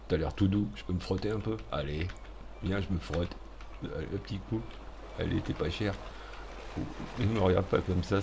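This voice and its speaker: A man's voice: low-pitched, a little mellow, slight background noise. A man hosting a let's-play video, making jokey, sarcastic commentary and muttering asides as he plays. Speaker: gaming video host.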